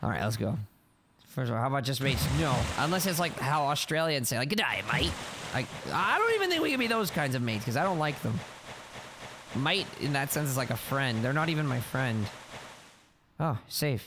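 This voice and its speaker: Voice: medium pitch, big pitch swings, moderate pace, background noise. A let's play gamer commenting on a video game, reading the on-screen text aloud and breaking into panicked shrieks and laughter. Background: game music.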